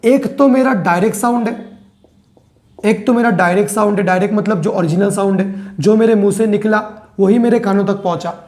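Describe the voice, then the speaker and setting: A male teacher with a rather high, soft and mellow voice gives a physics lesson. He patiently repeats key phrases word by word, as if for dictation, and slips English terms into his explanations. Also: a little fast. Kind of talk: classroom lesson.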